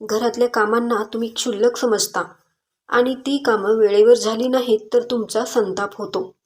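A woman's voice: fairly high pitch, fairly even intonation, normal speed, darkish tone, lightly acted. A woman doing a firm, determined young daughter. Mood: defiant. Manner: firm, earnest pleading.

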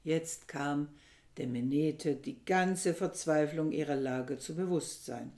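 A woman reading a novel aloud with measured, dramatic storytelling. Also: deep voice, dark tone. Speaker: reader. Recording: echoey room.

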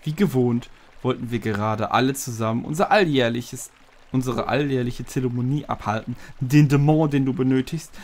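A man's voice: mid-range voice, moderate pace, darkish tone, natural voice. A man reading a solemn ancient tree spirit. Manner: solemn, stately reading of game dialogue. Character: ancient wise giant tree spirit, male. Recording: game music behind voice.

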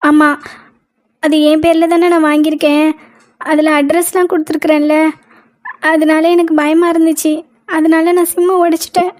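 A woman voicing a frightened young college woman in a cartoon, pleading in a flat, tearful way. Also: high voice, normal speed, pauses often, no echo, close to an everyday voice. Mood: scared. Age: young adult. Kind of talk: cartoon voice acting.

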